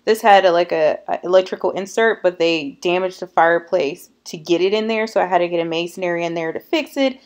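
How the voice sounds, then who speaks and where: Woman, renovation vlogger, casual voice-over, chatty, lots of fillers, lowish voice. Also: fairly quick, hardly any pauses.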